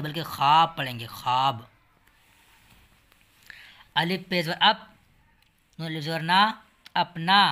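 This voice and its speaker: A language teacher with an Urdu accent leads a reading lesson, spelling each word out letter by letter and vowel sign by vowel sign before reading it whole. His voice is slightly high, bright and forceful, with a clean tone.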